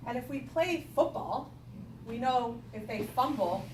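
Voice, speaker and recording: Slightly high and a little slow, an animated woman's voice reads to young children, stopping now and then to explain and pose questions as their elementary school teacher. The room echoes, the mic is far off, and there's noise behind her.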